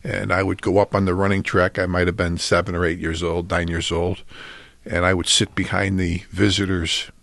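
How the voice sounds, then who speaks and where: An older man from chats through his memories. His voice sits low and gravelly. He wanders with fillers and restarts, recorded close in a dry room. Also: level tone, moderate pace, a bit bright, no echo. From Buffalo, New York. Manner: rambling, many restarts and uh's, chuckling. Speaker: guest, sports official. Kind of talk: casual storytelling chat.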